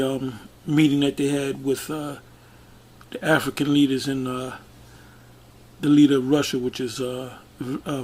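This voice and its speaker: A man giving casual commentary as he reads out a news web page, speaking haltingly with many fillers and restarts. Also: medium pitch, darkish tone. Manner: halting, many fillers and restarts, talks through what is on screen. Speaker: religious video commentator.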